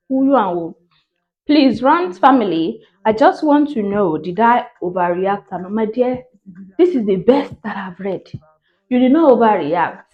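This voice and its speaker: A woman's voice: fairly high pitch, highs cut off. A Nigerian woman reading a viewer's relationship story aloud and reacting to it in an outspoken, sassy way. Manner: sassy, outspoken, quick to laugh. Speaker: relationship advice vlogger.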